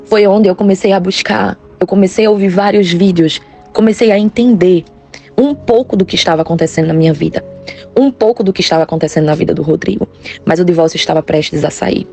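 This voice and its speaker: A woman's voice: fairly low pitch, fast talker, gravelly, dark tone, faint music behind. A woman narrating a first-person testimony in an earnest, grave, confessional manner.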